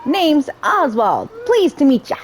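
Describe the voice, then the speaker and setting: A woman plays a cheerful little male cartoon rabbit from a video game. The voice is folksy and friendly with dropped word endings, raised in pitch, over faint music. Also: sing-song, unhurried.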